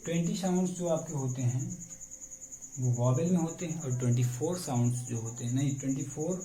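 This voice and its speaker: A man teaching an English grammar lesson in a very dark, mellow voice, walking through each rule step by step and answering his own questions. The room is echoey, with faint insect chirping in the background. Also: on the high side, brisk, a little hiss or hum. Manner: explains step by step, asks questions and answers them himself.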